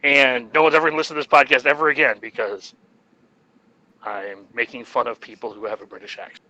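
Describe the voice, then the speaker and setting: A man's voice: medium pitch, fairly even intonation, fast, bright, forceful tone, dull audio. A man co-hosting a podcast in casual chat, rambling and jokey. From United States. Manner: rambling and jokey, laughs at his own jokes. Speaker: podcast co-host.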